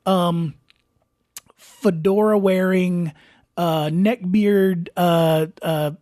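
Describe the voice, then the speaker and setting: A man's voice: sits high, fairly even intonation, drawn-out words, darkish tone, dry recording, clean studio sound. Rambling man hosting a casual podcast. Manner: rambling, full of "like" and restarts, storytelling. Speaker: podcast host and producer.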